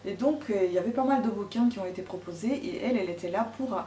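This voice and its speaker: Showing her gifts to camera, a Ukrainian vlogger in her 30s speaks in a dark, medium-pitched voice, chatty yet hesitant and full of pauses. The audio is roomy and distant from the mic, with slight background noise.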